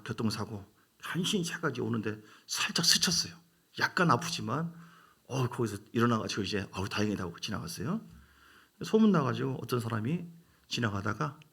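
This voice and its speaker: A male pastor preaching a sermon, swinging from loud emphatic rises to quiet, hushed asides. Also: mid-range voice, vocal fry, slightly rough.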